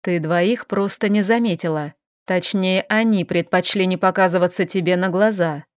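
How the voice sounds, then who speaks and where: A woman voicing a calm, dry-witted male vampire advisor who speaks evenly and unhurriedly in an audiobook. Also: on the low side, clean tone, dry recording, close to an everyday voice. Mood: calm teasing. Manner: even, unhurried, teasing.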